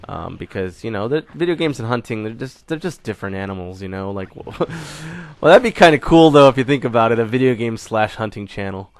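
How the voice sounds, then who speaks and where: In a brisk, expressive, lowish voice, a young gaming channel host offers a rambling, casual update. He's recovering from a cold, and his speech is full of fillers and restarts.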